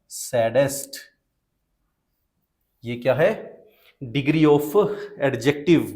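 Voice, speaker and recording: Slow, patient male teacher. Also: a little high, a little mellow. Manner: slow, patient, asks questions then answers them. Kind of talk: explaining spelling rules to students.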